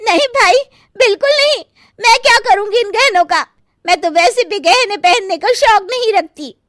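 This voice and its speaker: A woman voicing a scheming young sister-in-law who talks in a loud, taunting, shrill way in an animated story. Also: normal speed, no echo, studio quality. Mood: indignant. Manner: loud, sneering, threatening.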